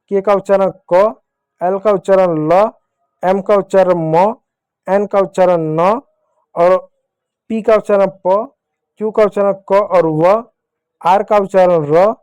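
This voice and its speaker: Hindi-accented guy teaching little kids, fairly high voice, keeps asking and answering his own questions. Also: a little mellow, clean tone, no echo. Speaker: English teacher for children. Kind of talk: classroom lesson.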